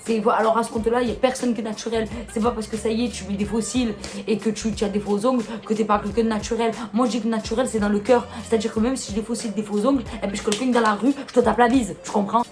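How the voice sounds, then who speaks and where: Blunt Marseille-accented French woman, higher voice. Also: steady tone, very fast, darkish tone, faint music behind. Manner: blunt, exasperated, fond of rhetorical questions. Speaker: YouTuber. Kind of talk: casual vlog answering comments.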